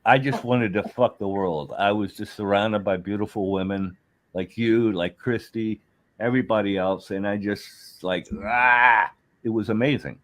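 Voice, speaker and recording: A man's voice: on the low side, normal speed, a bit bright. A man in his sixties hosting a podcast, chatting casually in a crude, jokey way and laughing often. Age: 60s. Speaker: podcast host. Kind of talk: casual chat.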